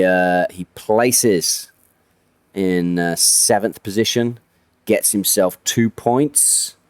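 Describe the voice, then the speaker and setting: A man with a lowish, smooth and resonant voice talks through a racing game in a loose, chatty way. He rambles and corrects himself as he goes. The sound is dry and close. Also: dry recording. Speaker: game commentator. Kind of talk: casual gameplay commentary.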